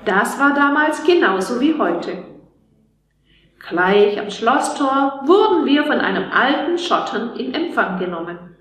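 A woman reads a children's bedtime story in a gentle storybook manner. Her voice sits fairly high and her pace is slow. A strong room echo surrounds her. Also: lively intonation, recorded from a distance. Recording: echoey room.

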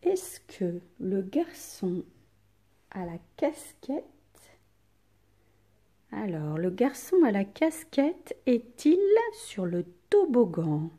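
Woman teacher, recorded lesson for young kids. Slow, mellow, with exaggerated intonation. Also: mid-range voice, very animated. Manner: asks pupils questions and leaves pauses for answers. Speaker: primary school teacher.

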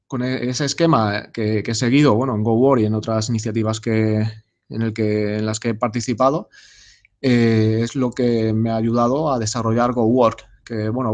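Man, casual presenter, lots of ums and restarts, explains his platform to an audience. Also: medium pitch. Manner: hesitant, many fillers and restarts. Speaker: speaker presenting his startup. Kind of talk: informal presentation talk.

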